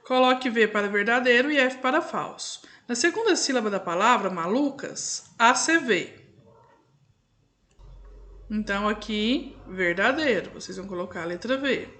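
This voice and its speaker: Woman teacher, kinda high voice, going thru a lesson for little kids real patient, keeps checking they get it. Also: expressive, normal speed, pushed and bright. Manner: patient, explains step by step, checks in with "né?" and "tá?". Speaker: primary school teacher. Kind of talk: recorded classroom lesson.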